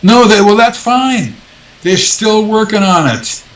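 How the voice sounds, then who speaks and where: Older male guest, emphatic and repetitive; voice sits a bit high, heard distant with room echo. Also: a little slow. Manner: emphatic, insistent, repeats points. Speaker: guest researcher. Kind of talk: live talk show interview.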